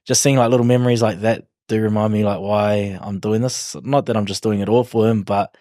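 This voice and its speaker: With a broad New Zealand accent, this rugby league player in his twenties gives a laid-back, slangy, somewhat hesitant podcast interview. He sounds warm and lowish, steady and fairly quick, and the studio audio is clean with no echo.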